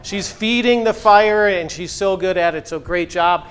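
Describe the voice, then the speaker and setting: A man leading a team sales meeting, energetic and hyping up the team. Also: high voice, measured pace. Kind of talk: upbeat meeting announcements.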